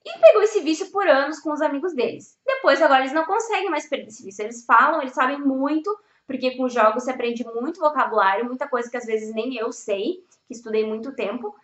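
A woman's voice: high voice, fast talker, hardly any pauses. A young woman giving a casual video lesson on language learning, blunt and emphatic, swearing freely. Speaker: Spanish teacher. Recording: echoey room, slightly dull audio.

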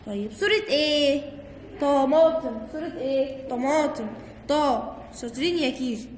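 High-voiced Egyptian teacher coaching children. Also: female voice. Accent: Egyptian Arabic. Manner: slow, sing-song coaching with frequent praise. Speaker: kindergarten teacher. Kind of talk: online lesson for young children. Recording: long reverb, faint background noise.

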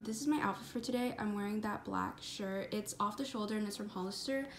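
A young woman vlogs her day, chatting casually and brightly to her phone camera held at arm's length, peppering her speech with "like." Her medium-pitched voice is brisk, with a little hiss or hum in the audio. She starts in her bedroom at home and later heads out to a windy beach.

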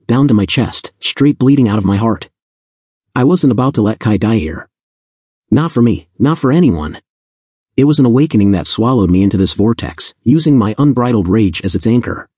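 A man's voice: on the low side, mellow, slightly rough, dry recording, studio quality. A man narrating a first-person fantasy audiobook in an intense, blunt, casually profane storytelling manner.

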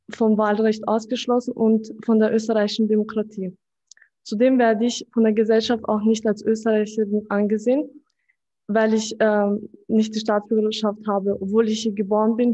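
An eighteen-year-old woman from Austria, a student, calmly reading a prepared statement at a press conference podium. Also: a little high, lo-fi sound. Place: conference room with banner. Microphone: podium microphone.

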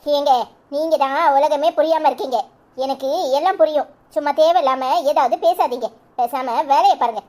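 A woman with a Kanyakumari Tamil accent voicing a sharp-tongued, bossy young wife in a cartoon. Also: sits high, normal speed, lightly acted. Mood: irritated. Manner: curt, scolding. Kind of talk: cartoon voice acting.

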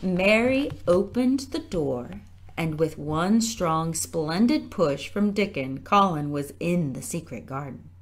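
A woman reading a children's book aloud at a library storytime, gentle and measured. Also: on the low side, animated. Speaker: storytime reader.

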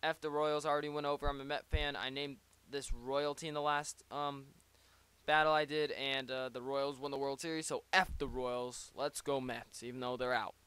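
A man's voice: mid-range voice, steady tone, moderate pace, pushed and bright, smooth, no room sound. A man giving casual, rambling play-by-play of his own online battle, with joking asides, close to a desk microphone. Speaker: league player.

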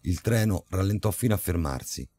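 A man narrating a scripted horror story in a dramatic, measured way. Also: low voice, expressive, mellow. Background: faint music.

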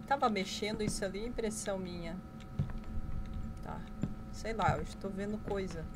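A woman's voice: mid-range voice, moderate pace, heavy background noise. A woman with a Brazilian Portuguese accent giving live commentary on a horror game, jumpy, with shrieks and nervous self-talk. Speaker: streamer. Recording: game sounds behind her voice.

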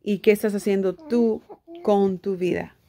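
A woman's voice: medium pitch, fairly even intonation, measured pace, very noisy. A woman giving casual commentary over a video clip, restating each line in her own words. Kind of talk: casual commentary and live translation.

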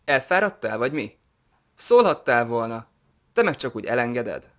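A man's voice: mid-range voice, big pitch swings. A man voicing an impatient, teasing young fighter in an audiobook. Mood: annoyed. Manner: teasing, sharp retorts. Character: young male metro fighter, impatient and mocking.

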